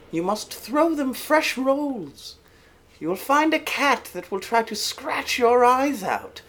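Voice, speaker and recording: A woman voicing a kindly aunt in a folk tale, giving slow, measured warnings. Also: a little high, slightly rough, full character voice. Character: kind, careful old aunt giving advice.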